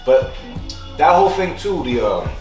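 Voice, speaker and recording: A man in his late twenties co-hosting a podcast in casual chat, laid-back and quick to laugh. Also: on the high side, sing-song, echoey room, far from the mic, music in the background. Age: 20s. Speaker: podcast co-host.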